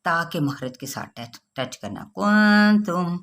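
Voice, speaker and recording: A woman teaching Quran recitation rules patiently, checking with her listeners and drawing out example words slowly. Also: extremely low pitch, expressive, bright, forceful tone. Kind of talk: tajweed lesson.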